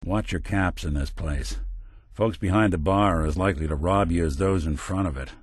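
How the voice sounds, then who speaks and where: Nick Valentine, a low-voiced hardboiled android detective. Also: male voice, moderate pace, husky, no echo, studio quality. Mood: wry. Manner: hardboiled, wry, old-fashioned slang. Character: world-weary, wry, kindhearted male android detective. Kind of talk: video game voice acting, noir detective.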